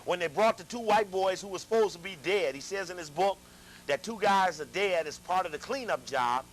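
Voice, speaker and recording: A man lecturing a live audience, animated, asking them questions and repeating himself as he talks. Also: high voice, normal speed, slight background noise, poor audio. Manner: animated, addresses audience directly, repeats and restarts.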